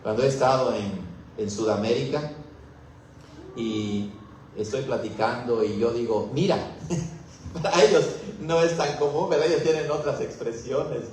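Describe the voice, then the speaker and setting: A man's voice: mid-range voice, measured pace, darkish tone, slight background noise. A Mexican man preaching as a pastor, teaching through a Bible passage and putting questions to his congregation. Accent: Mexican Spanish. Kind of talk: expository Bible sermon. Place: church hall. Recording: very echoey room, mic far off.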